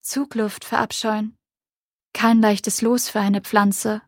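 Eine Frau, die einen sanften, staunenden kleinen Prinzen spricht, leise und ernst. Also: female voice, medium pitch, monotone, a little slow, darkish tone, husky, dry recording, clean studio sound. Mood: musing. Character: gentle, wondering young boy prince.

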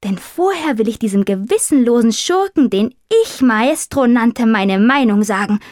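A woman's voice: animated, normal speed, a little mellow, dry recording, studio quality, close to an everyday voice. A woman voicing a young male tomcat who talks in a grandiose, theatrical way, like a dramatic would-be minstrel. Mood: tragic, pompous. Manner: grandiose, theatrical, high-flown speech. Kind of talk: audiobook character voice.

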